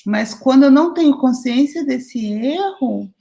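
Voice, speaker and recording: Middle-aged Brazilian woman, group coordinator; higher-pitched, chatty storyteller on a video call. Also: expressive, measured pace, vocal fry, warm tone, poor audio. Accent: Brazilian Portuguese. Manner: chatty storytelling, often asks the group for agreement. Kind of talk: informal spiritual study group talk.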